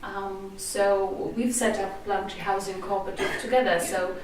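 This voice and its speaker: A Polish woman in her thirties, secretary of a housing cooperative, talking in a relaxed way in an interview. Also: mid-range voice, moderate pace. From Poland. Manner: relaxed, with soft laughs. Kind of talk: interview, casual talk. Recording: echoey room from far off, faint noise.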